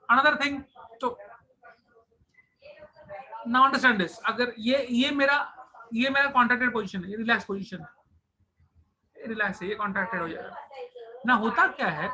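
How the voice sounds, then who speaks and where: A man's voice: extremely high pitch, animated, a little slow, pauses often, pushed and bright, slight background noise. A man teaching biology in an online class, chatty and joking as he switches between Hindi and English.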